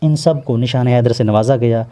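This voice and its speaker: A man with a Pakistani accent, working as an English teacher and explaining a textbook lesson slowly, word by word, repeating terms to drill pronunciation. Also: medium pitch, mellow. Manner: slow word-by-word translating, repeats words for pronunciation.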